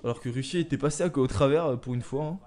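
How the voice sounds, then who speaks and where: A young man commentating his own soccer video game match, swinging from calm musing to loud excited shouts when the action heats up. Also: medium pitch, racing. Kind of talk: excited let's-play commentary.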